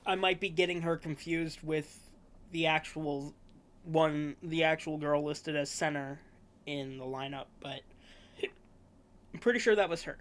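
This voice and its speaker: A man hosting a casual sports preview podcast, talking in a relaxed, rambling way with fillers and self-corrections. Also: a little high. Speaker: podcast host.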